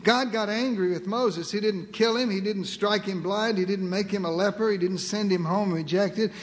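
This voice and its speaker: A high-pitched male preacher delivering a sermon with dramatic, humorous flair, acting out the voices in the story. His voice rings with the long reverb of a large church hall. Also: slight background noise. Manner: dramatic, acts out voices of God and Moses with humor.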